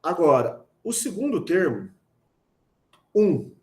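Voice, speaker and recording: A man with a Brazilian Portuguese accent teaching a lively online grammar class, talking straight to his students with teasing asides. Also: high voice, slow, echoey room.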